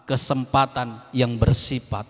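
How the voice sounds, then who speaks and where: A man preaching a sermon as an evangelist. He swings from soft, low pleading to loud, high exhortation and calls on the congregation to respond. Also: little pitch movement, measured pace. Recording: long hall reverb.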